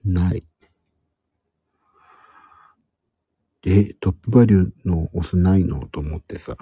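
Very dark, hushed, husky man's voice. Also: sits low, no room sound. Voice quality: hushed, husky half-whisper. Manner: rambling, hesitant, searching for words. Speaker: live stream host. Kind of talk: hushed, casual chat to live stream viewers. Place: at home in a room beside a sleeping child.

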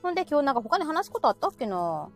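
A woman from Osaka with a Kansai accent, co-hosting a casual talk show and chatting in an animated way with frequent laughter. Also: high voice, rapid-fire, over loud music. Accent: Kansai Japanese. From Osaka, Japan. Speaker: co-host of a live audio talk show. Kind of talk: casual chat.

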